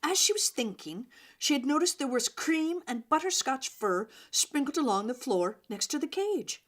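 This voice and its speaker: A woman reads a children's story aloud with drama and expression, adding pauses and emphasis for young listeners. Her voice is high-pitched.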